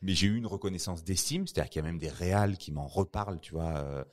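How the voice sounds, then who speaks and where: Homme à la voix très grave, bavard. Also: male voice, deep voice, fast, darkish tone. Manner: slangy, rambling with many fillers and restarts. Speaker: filmmaker guest. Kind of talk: casual interview chat.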